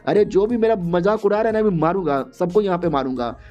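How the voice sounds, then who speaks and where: Touchy young disciple, raised whiny pitch, indignant, as the narrator puts him on. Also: male voice, fairly quick, darkish tone, soft background music, lightly acted. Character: boastful young male disciple, touchy and hot-headed.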